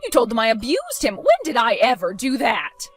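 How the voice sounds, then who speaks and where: A woman's voice: fairly high pitch, wildly swooping pitch, moderate pace, faint music behind. A woman voicing a spiteful older mother-in-law in a dramatized story, protesting indignantly.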